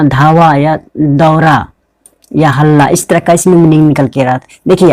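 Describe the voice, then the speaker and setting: A man gives an online pronunciation lesson at his computer, often asking a question and answering it at once. His voice is mellow and dark, recorded dry and close with no room sound. He lingers on each word and says it more than once. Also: on the high side, dry recording. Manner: repetitive, asks and answers his own questions. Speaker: English pronunciation teacher. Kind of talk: screen-recorded tutorial lesson.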